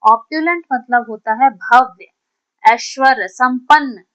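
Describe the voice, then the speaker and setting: Patient higher-pitched woman teaching vocabulary. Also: fairly bright tone, clear, resonant tone. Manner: explains each word slowly, repeating it and asking "what does it mean?"; keeps checking in with "ठीक है" and "है ना". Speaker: English teacher. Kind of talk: exam-prep vocabulary lesson. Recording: slightly dull, lo-fi recording.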